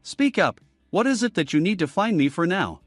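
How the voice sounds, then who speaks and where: A man voicing a rude, greedy young male exorcist who talks in a gruff, bossy way. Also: high-pitched, very animated, moderate pace, no echo, voice pushed up. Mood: brusque. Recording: dry with faint music.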